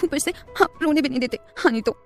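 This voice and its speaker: A timid young woman, put on by a female narrator, speaking in a high, innocent voice that slides into a sulky whine. Her lines come fast and a little breathless, with a faint music bed behind the story reading. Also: lightly acted. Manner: soft and innocent, whiny when upset.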